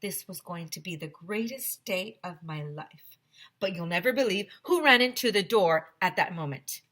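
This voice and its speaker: Reading a children's book to her class, a teacher tells the story in a deliberate, expressive way. Her voice is lowish.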